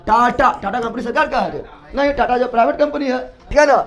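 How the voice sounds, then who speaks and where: High-pitched man drilling a class. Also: fast talker, fairly bright tone, lo-fi sound. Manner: repetitive call-and-response drilling, asks and answers himself. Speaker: teacher. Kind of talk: classroom lecture.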